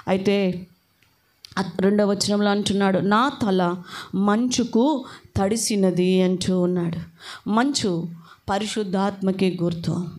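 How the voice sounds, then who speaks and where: A woman's voice: medium pitch, a little mellow. A woman with a Telugu accent preaching a fervent, urgent sermon that rises in exhortation.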